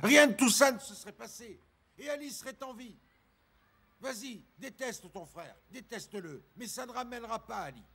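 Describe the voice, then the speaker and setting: A man's voice: very high voice, animated, normal speed, a bit bright, full character voice. An actor dubbing a middle-aged father who pleads insistently with his son, repeating his commands. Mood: pleading. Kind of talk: dubbed TV drama acting.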